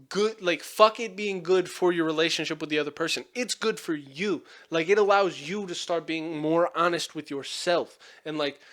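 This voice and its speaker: A man's voice: on the high side, a bit bright. A young man hosting a casual podcast chat, rambling with lots of fillers and frequent swearing. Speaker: podcast host.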